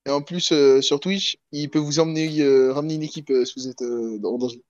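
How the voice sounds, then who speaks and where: Dull-sounding, dry mic, higher-pitched joking man. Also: fairly even intonation, a little mellow, no room sound. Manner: boastful joking, halting, repetitive. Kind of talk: casual banter, live video reaction.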